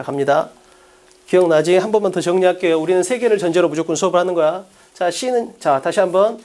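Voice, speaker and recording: A middle-aged man teaching an English exam-prep class in a lecture studio, animated, drilling students with quick questions in casual speech. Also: sits high.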